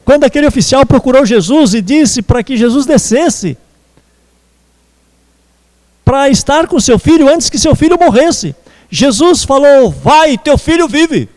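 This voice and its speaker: A man preaching a sermon as pastor, slow and measured with pauses. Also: extremely high pitch, lively intonation, a little mellow, big-room sound. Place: church.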